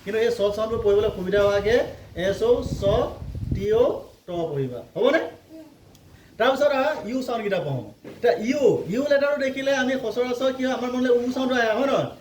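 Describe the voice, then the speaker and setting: A man teaching children phonics, spelling letters out slowly and sounding the words, then asking questions and answering them himself. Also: very high voice, lively intonation, a little hiss or hum. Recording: echoey room.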